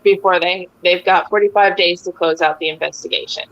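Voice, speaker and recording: A young mother speaks as a guest over a video call. Her voice sits a little low for a woman. She talks in a hesitant, emotional way, full of "um"s and restarts. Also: fairly even intonation, fairly quick, a bit bright, muffled recording, slight background noise. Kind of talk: casual interview talk.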